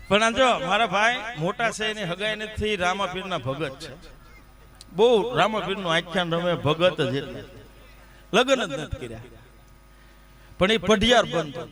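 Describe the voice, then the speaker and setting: High-voiced man telling jokes on stage. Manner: animated joke-telling with quoted dialogue. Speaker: dayro storyteller. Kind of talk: live comic folk storytelling. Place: stage before a live crowd. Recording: live stage recording with crowd. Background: crowd.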